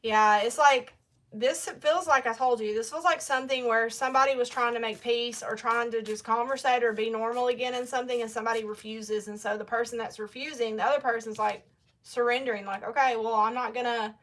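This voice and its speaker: A woman's voice: fairly high pitch, fairly even intonation, fairly quick, fairly bright tone. A young woman giving a casual tarot reading, chatty and blunt, talking straight to her viewers. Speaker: tarot reader.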